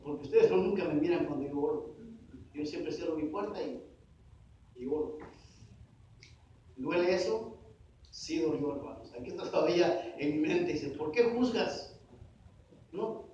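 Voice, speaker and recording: Male pastor, sermon, call-and-response questions, high voice, far from the mic, muffled lo-fi sound. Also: moderate pace, pauses often, mellow, a little hiss or hum. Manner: addresses listeners as brothers. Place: church sanctuary. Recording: echoey distant dull church recording.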